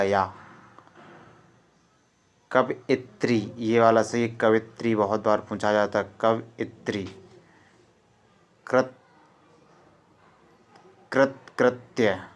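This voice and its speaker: Slow, low-voiced male teacher. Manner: drills words by repeating them and quizzing students. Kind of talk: exam-prep spelling lesson.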